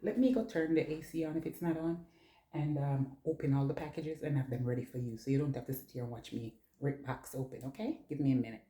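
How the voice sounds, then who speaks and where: Deep-voiced woman vlogger in a very echoey room. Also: fairly even intonation, quick pace, mellow. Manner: rambling, talking to herself while busy. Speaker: home decor haul vlogger. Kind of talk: casual chat to viewers. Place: echoey room at home, indoors. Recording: very echoey room, distant mic, noisy.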